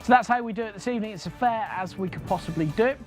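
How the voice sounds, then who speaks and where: A man's voice: sits high, rapid-fire, soft background music. A man hosting a live game as a bingo caller, announcing numbers in repeated traditional patter.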